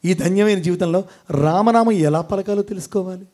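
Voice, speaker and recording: A man gives a fervent devotional sermon to a gathering, his voice pitched high for a man. He reels off long chains of titles and keeps asking his listeners questions. Now and then he breaks into chants and call-outs. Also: fairly quick, darkish tone. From India. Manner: fervent, chanting lists of epithets, quizzing the audience. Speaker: devotional speaker.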